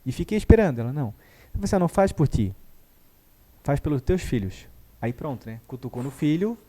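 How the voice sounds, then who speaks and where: A man tells a story quickly, his voice soft and mellow. He acts out the lines of the people in it with animated energy. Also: on the high side. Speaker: guest therapist. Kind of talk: conversational storytelling.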